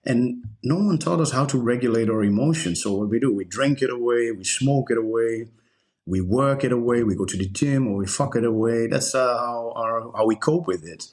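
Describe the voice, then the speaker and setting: A man whose first language is Dutch, a breathwork instructor speaking earnestly in a casual podcast chat, with halting restarts. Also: mid-range voice, a little mellow.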